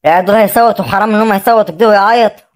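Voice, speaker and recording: A woman with an Egyptian accent voicing a hard-hearted mother who scolds her mourning children in an animated drama. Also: mid-range voice, very fast, natural voice. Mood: scolding. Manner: cold, scolding.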